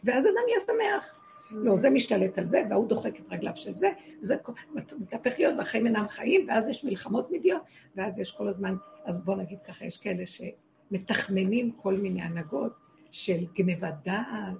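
A woman's voice: medium pitch, big pitch swings, gravelly, darkish tone, dull audio, slight background noise. A woman giving a religious lesson to a group, speaking emphatically in short, repeated phrases. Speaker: spiritual teacher.

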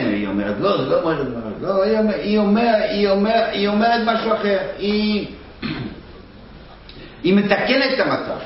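A man teaching a Bible lesson to a class, talking haltingly with many restarts and fillers. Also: sits high, very echoey, highs cut off, slight background noise. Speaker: Torah teacher.

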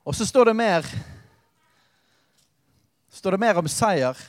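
Man, pastor, sermon, impassioned, emphatic repetition, slightly high voice, long hall reverb. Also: expressive. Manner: impassioned preaching, rising and falling with emphatic repetition.

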